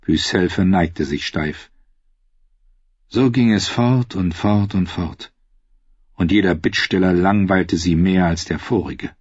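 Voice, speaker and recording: A man narrating an audiobook in a measured, even storytelling manner. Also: low-pitched, breathy edge, no echo, lo-fi sound. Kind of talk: audiobook reading.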